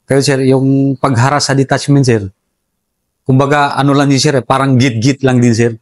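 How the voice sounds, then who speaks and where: A soldier telling how the enemy operated, in a relaxed interview, respectfully calling his listener sir throughout. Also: mid-range voice, normal speed, no echo. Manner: respectful, says "sir" constantly. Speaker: soldier recounting enemy tactics. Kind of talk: casual interview storytelling.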